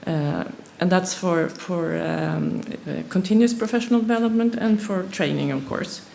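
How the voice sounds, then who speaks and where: Presenting at a conference in English, her second language, a woman from Sweden speaks in a low, gravelly, dark voice. She hesitates a lot, filling pauses and starting over often. There's a little hiss or hum.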